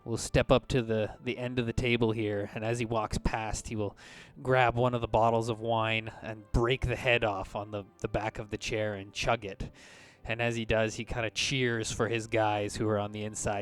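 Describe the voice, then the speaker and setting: A man acting as game master, improvising narration of tabletop combat in a halting but descriptive way. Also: lowish voice, level tone, clear, resonant tone, soft background music.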